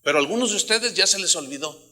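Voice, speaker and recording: High, bright-voiced Mexican preacher. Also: male voice, animated, racing. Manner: storytelling preacher, swings from soft asides to loud emphatic bursts; blunt, joking scolding of the congregation. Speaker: pastor. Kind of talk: sermon.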